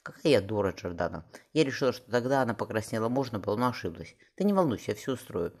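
A man's voice: on the low side, big pitch swings, quick pace. A man reading as a devoted, fretful young wife.

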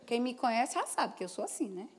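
Lady pastor preaching, slightly high voice, folksy and chatty, keeps asking the church for amens. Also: sing-song, a little fast, slightly rough. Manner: call-and-response, asking the congregation "Amém?"; folksy, chatty storytelling with asides. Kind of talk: sermon. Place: church service before a congregation.

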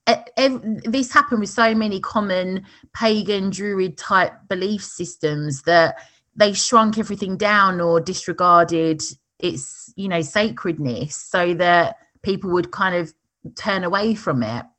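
A woman's voice: medium pitch, fairly bright tone. Enthusiastic woman co-host. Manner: enthusiastic, agreeable, quick to chime in. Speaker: podcast co-host. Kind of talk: casual podcast chat.

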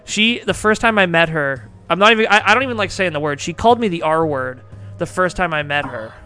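A man's voice: on the high side, brisk, pushed and bright, soft background music. A young man hosting a podcast in casual chat, rambling, laughing often and swearing casually. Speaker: podcast host.

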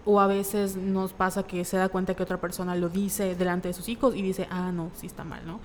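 A young woman with a Mexican accent chatting casually, acting out quoted lines from her mother in animated bits. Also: on the low side, brisk, a little hiss or hum. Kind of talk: casual chat. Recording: long reverb, faint background ambience.

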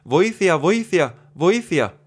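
A man's voice: medium pitch, lightly acted. A man reading an audiobook, voicing a frightened, desperate young male hobbit who cries out in agitation. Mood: panicked shouting. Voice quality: agitated, crying out.

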